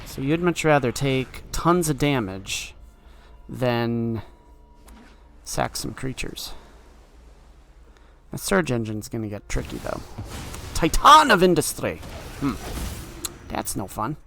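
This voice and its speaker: A man's voice: medium pitch, slow pace, gravelly, long pauses, soft background music. A man giving casual commentary while playing a card game, thinking aloud in an offhand way.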